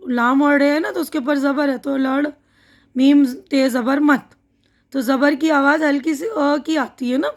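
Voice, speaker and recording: A woman teacher giving a slow, patient reading lesson to young children, sounding out syllables and repeating them. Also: sits high. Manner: explains slowly, reads syllables aloud and repeats them.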